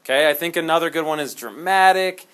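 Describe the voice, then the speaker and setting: A man teaching a history class in a classroom, talking in an animated, jokey way and slipping into dramatic storytelling. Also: on the high side, fast talker. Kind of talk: classroom lecture.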